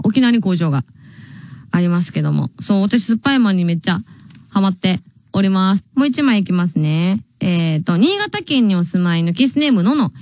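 Woman, Kansai accent, radio host, chatty, laughs a lot, very expressive pitch. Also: no room sound. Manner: chatty and animated, laughs often. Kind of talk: casual radio chat reading listener mail. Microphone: studio microphone.

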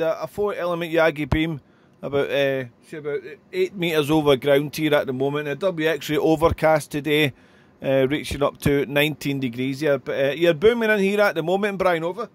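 A man's voice: fairly high pitch, fairly even intonation, normal speed. A man chatting as an amateur radio operator, making contacts with callsigns and phonetic spelling. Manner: chatty, repeats "there" and phrases.

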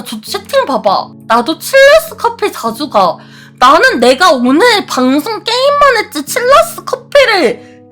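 Her voice is high, pushed and bright. The VTuber works through a horror game let's play, voicing the dialogue out loud and cursing or screaming when she gets a fright.

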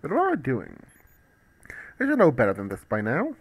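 A man streaming a shooter game, talking casually, mocking his own play and bursting into excited whoops. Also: medium pitch, moderate pace, breathy edge, no echo. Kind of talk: casual gameplay commentary.

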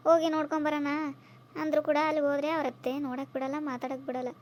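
A squeaky, very high and rapid cartoon voice of a grieving village mother, played by a woman. She pleads slowly and tearfully. It is a cartoon family drama. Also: steady tone, a little mellow, lightly acted. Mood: worried pleading. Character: worried poor village mother, grieving for her daughter.

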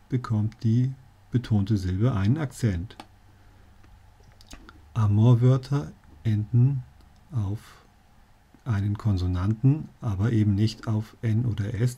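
A male teacher walks learners through spelling rules at a slow, deliberate pace. His voice is husky and very dark, and he slips in dry, jokey asides as he goes. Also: lowish voice. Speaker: language teacher.

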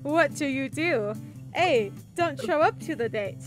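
A woman's voice: high voice, expressive, measured pace, music in the background. A woman hosting a game show, chatty, laughing often, announcing questions and scores.

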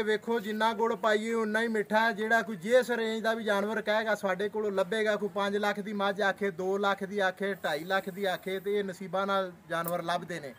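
A man's voice: high voice, fairly bright tone. A Punjabi-accented man hosting a live animal sales vlog outdoors, chatty and sprinkling his talk with pious phrases and proverbs, picked up by the camera with no mic. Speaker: host of an animal sales channel. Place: outdoors at a cattle yard. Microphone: no mic, camera audio only.

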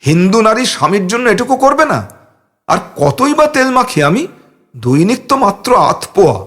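A man's voice: high-pitched, big pitch swings, unhurried, a bit bright, heavily acted. A man reading an audiobook, voicing a fussy, vain middle-aged man who protests indignantly. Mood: aggrieved. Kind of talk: audiobook character voice.

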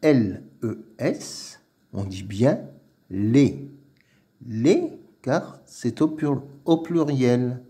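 A man teaching early reading, sounding out letters and syllables slowly and repeating each word twice. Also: medium pitch, lively intonation, dark tone.

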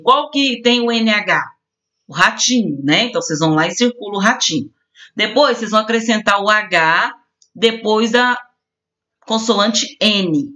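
A woman's voice: mid-range voice, bright, forceful tone. A woman with a Brazilian accent, a primary school teacher going through homework corrections for children, affectionate and sing-song, drawing out words syllable by syllable. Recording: dull lo-fi home recording.

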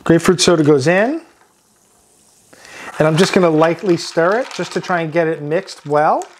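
A chef with a Long Island accent hosting a cooking demonstration, relaxed, often ending points with "right?". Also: male voice, on the high side, normal speed, background noise. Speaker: chef and host.

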